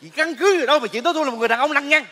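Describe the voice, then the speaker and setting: An actor playing an indignant, quarrelsome husband, shouting back at his wife in a stage comedy sketch. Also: extremely high pitch, racing. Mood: indignant bickering. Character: quarrelsome middle-aged husband accused of cheating. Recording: stage hall reverb.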